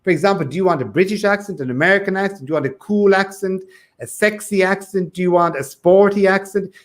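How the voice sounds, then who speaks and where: An Irish man who teaches English chats casually on a livestream, his voice sitting high and moving fast. He coaches learners encouragingly and emphatically, often repeating his phrases.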